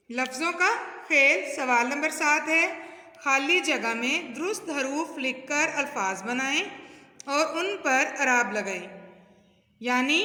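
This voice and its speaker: A woman's voice: sits high, pushed and bright. A woman teaching a primary school Urdu lesson to children, patient and explaining step by step. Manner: patient, explains step by step, addresses pupils as "beta". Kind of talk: recorded homework lesson for children. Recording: strong echo, long hall reverb.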